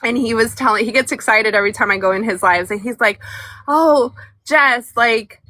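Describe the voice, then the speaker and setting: Guest slot: bubbly woman, bright lively voice, phone video call. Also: mid-range voice, fast, slight background noise, poor audio. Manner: bubbly, enthusiastic, laughs often. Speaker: guest artist. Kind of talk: casual video-call chat. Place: moving from indoors to outdoors.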